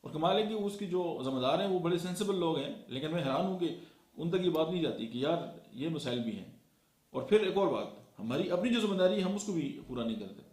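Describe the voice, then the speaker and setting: A man's voice: a little high, lively intonation, brisk, darkish tone. A man from Pakistan giving a motivational talk, lecturing and counting off his points one by one with frequent fillers. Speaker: motivational speaker. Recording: echoey room.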